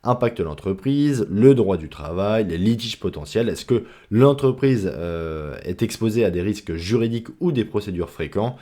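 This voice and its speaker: A man's voice: lowish voice, lively intonation, moderate pace, few pauses, dark tone. A man giving a casual lesson on analysing stocks, chatty, full of fillers and slang. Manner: chatty, many fillers like "bah" and "hein", informal slang. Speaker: stock investing educator.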